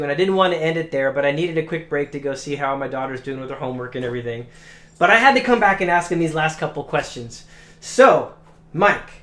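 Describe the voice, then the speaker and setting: Male host, easygoing, fairly high voice, reverberant room. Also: a bit bright. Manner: easygoing, laughs along with his guest. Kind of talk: casual interview. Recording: roomy echo.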